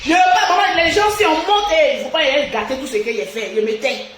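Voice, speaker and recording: Talking fast in a high, slightly bright voice, a woman addresses her live stream viewers directly, animated and outspoken in a casual way. There's echo from the room and a faint background noise.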